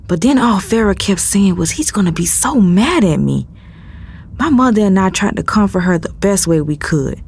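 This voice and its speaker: In an audio drama, an actress plays a protective, exasperated young woman, narrating family turmoil in an expressive, emotive, slangy manner. Her voice is lowish.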